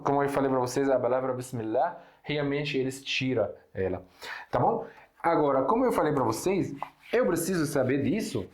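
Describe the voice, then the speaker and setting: A man's voice: medium pitch, darkish tone. A young man whose first language is Arabic, teaching an online language lesson in Portuguese with an Arabic accent. He explains patiently, asks himself rhetorical questions and often corrects himself. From Syria. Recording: echoey room.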